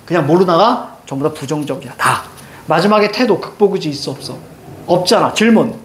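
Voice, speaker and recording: A man with a high-pitched voice teaching an online class. He speaks with lively energy and keeps checking in with quick, repeated questions to his students. Faint background noise sits under the recording. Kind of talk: online lecture.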